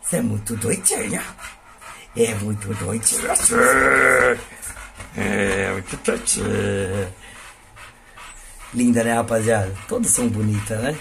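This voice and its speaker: A man's voice: on the low side, slow, gravelly, long pauses, background noise. A man with a Brazilian Portuguese accent, a dog breeder chatting playfully with viewers and cooing baby talk to his dogs outdoors at a kennel. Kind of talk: casual vlog.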